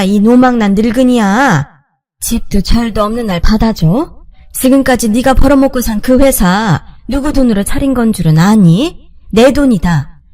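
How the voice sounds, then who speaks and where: A woman's voice: a little high, a little mellow, no room sound, close to an everyday voice. A woman playing a bitter, defiant older mother. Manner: scolding, cold contempt.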